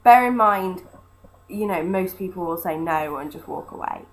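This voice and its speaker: A British woman talks in a casual, unscripted monologue. Her voice sits a little low, and she sounds conversational, working out her thoughts as she speaks. Some background noise runs under the recording. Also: lively intonation, moderate pace, poor audio. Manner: chatty, conversational, thinking aloud. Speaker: former street fundraiser. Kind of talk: casual informal monologue about personal work experience.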